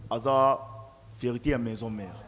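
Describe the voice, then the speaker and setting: A man chatting excitedly as a guest on a studio talk show, rapid and animated, repeating himself and mixing French with Lingala. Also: medium pitch, in a large hall, slight background noise.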